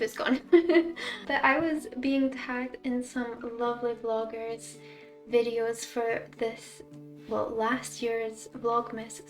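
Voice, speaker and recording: A woman's voice: high voice, darkish tone. A woman in her twenties with a Scottish accent, chatting casually and confidingly to her viewers as a vlogger. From Scotland. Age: 20s. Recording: roomy, slightly distant mic.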